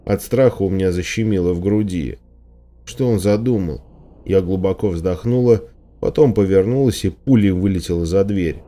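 A man reading a first-person story aloud as an audiobook narrator, steady and dramatic. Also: low-pitched, moderate pace. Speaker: audiobook reader.

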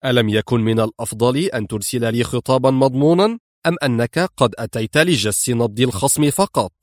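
A man's voice: mid-range voice, brisk, dry recording, studio quality, natural voice. A man reading an audiobook and voicing a cool, sarcastic adult male hero.

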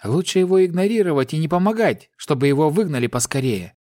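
A man's voice: on the high side, expressive, fast talker, warm tone, dry recording, clean studio sound, lightly acted. A man doing a haughty scornful girl. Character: haughty young woman, scornful and sharp-tongued.

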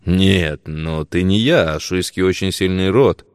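A man's voice: low-pitched, unhurried, clear, resonant tone, no room sound, studio quality. A man voicing an aging, weary and powerful prince in a fantasy audiobook, speaking in a grave, tired way. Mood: measured. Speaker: character in audiobook.

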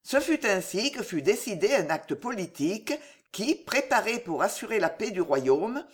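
A woman reading a historical novel aloud as an audiobook narrator. Her pitch is animated and varied, and she tells the story dramatically. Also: normal speed.

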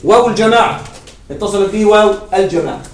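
Male grammar teacher with a very high voice, quizzing the class and repeating key points, recorded from a distance in a roomy space. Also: quick pace. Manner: asks the class questions and answers them himself. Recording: echoey room, mic at a distance.

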